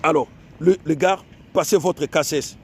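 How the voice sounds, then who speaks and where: Man from Africa, fairly high voice, emphatic online monologue, repeats himself, rhetorical questions, faint outdoor noise. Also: moderate pace. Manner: repetitive, exhorting, rhetorical questions. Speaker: online commentator.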